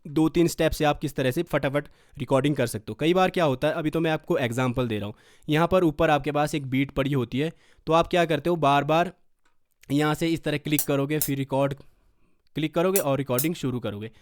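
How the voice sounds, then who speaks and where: A man teaching music production software step by step in a home studio, checking in with listeners as he goes. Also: a little high, a little fast. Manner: explains step by step, often adding a checking "okay". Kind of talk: screen-recorded software tutorial. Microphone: studio condenser mic.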